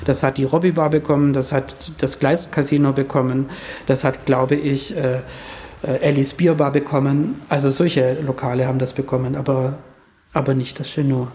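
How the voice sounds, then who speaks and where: A man with a dark, mellow voice talks through history in a loose, conversational way. He hesitates often, restarts sentences and adds speculative asides as he thinks aloud. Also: mid-range voice, little pitch movement, normal speed. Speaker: historian guest.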